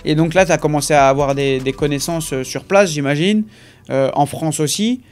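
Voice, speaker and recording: A man hosting a casual interview who asks relaxed questions and eggs his guest on with short agreements. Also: fairly high pitch, moderate pace, clear, resonant tone. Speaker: interview host.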